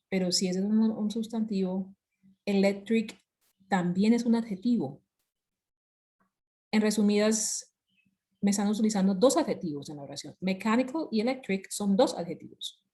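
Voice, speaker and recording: A woman's voice: mid-range voice, darkish tone. Woman teacher, online class, patient, repeats and restarts phrases. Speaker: English instructor. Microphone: video call.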